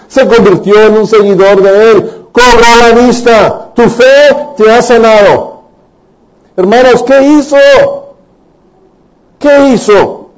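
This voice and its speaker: High-voiced man preaching with lively storytelling. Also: low-quality recording. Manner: animated storytelling, acting out the Bible voices. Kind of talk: sermon.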